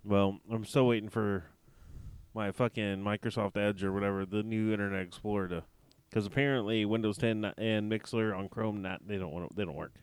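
A man's voice: fairly low pitch, steady tone, normal speed, clear, resonant tone, no room sound. A man hosting a casual podcast, rambling and swearing freely while poking fun at himself. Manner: profane, rambling, self-mocking. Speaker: podcast host.

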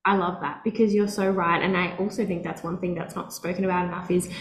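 A woman's voice: lowish voice, little pitch movement, fast, slight background noise. A woman hosting a wellness podcast, speaking in an upbeat, enthusiastic way, first in a scripted intro and then in casual conversation. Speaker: podcast host and nutritionist. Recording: roomy echo, faint music.

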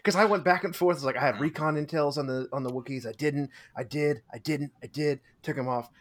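Recapping a tabletop tournament on a podcast, this co-host laughs often and pokes fun at himself in casual chat. His voice is on the high side and steady, moving a little fast.

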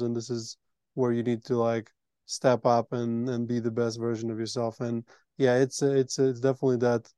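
A man's voice: medium pitch, dark tone, smooth, no room sound. A man hosting a retreat, explaining earnestly in a conversational interview. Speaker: retreat host.

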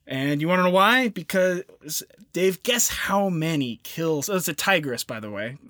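A fairly high-voiced man narrates a tale to his co-host in casual podcast chat. He is animated and chatty, with quick asides. The sound is dry and close to the mic. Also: no room sound. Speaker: podcast co-host telling a history story.

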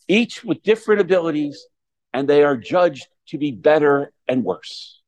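Measured male priest preaching, slightly high voice. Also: poor audio. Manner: measured, deliberate, with dramatic pauses. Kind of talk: scripture reading and sermon.

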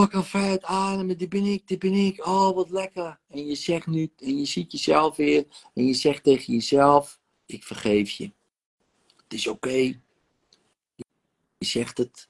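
A man with a gravelly, husky voice talks someone through a guided regression session. He coaxes and soothes, stretching out sighs and soft exclamations, and sometimes sinks toward a whisper. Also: on the high side. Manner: soothing, coaxing guidance with drawn-out sighs and exclamations. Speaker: therapist guiding a session.

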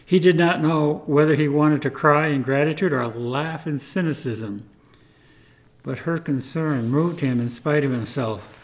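A man tells a testimony from the pulpit. He speaks in an earnest, measured way. His voice sits somewhat high for a man. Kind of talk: retelling a testimony.

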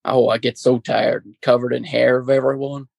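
Man as the gravelly, grumbling Sorting Hat. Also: medium pitch, level tone, normal speed, darkish tone, no echo. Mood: weary, self-pitying. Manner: grumbling, self-pitying. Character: weary, touchy, needy talking Sorting Hat. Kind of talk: improvised comedy sketch acting.

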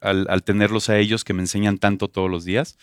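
Hombre mexicano de voz grave y nítida. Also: male voice, on the low side, little pitch movement, fast, smooth, no room sound, clean studio sound. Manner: warm, earnest storytelling. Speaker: guest, stepfather. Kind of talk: casual chat.

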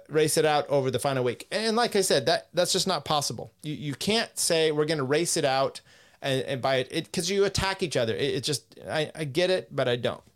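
A man hosting a podcast in casual chat, rambling, swearing and laughing as he reads out news quotes. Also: on the high side. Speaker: podcast host.

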